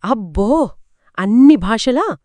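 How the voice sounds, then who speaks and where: A woman's voice: on the high side, expressive, takes it slowly, darkish tone, dry recording. A woman co-telling a children's folk tale, asking curious questions and reacting with exclamations. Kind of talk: children's story told as a two-voice conversation.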